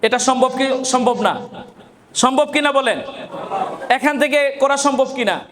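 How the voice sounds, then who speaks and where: High-voiced man giving a motivational speech. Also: unhurried, a bit bright. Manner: asks the audience rhetorical questions. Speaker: Islamic scholar giving a farewell speech.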